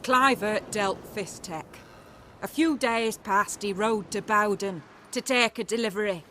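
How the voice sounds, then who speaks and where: A woman's voice: mid-range voice, a little slow, bright, forceful tone, a little hiss or hum. An actress voicing a brash, foul-mouthed female gang leader. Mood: cocky, scheming. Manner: cocky, mocking.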